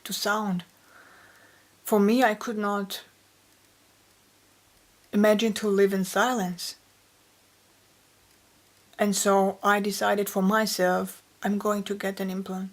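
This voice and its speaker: A woman, a poet telling her personal story in an interview, gentle and reflective. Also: mid-range voice, gravelly. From Austria. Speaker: poet and author.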